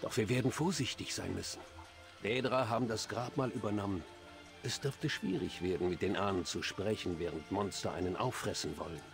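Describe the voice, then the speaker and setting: A man playing an anxious, devout dark-elf priest in a fantasy game, speaking formally and earnestly. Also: on the low side, a little fast, gravelly, music in the background. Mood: earnest, cautious. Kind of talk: fantasy game dialogue acting.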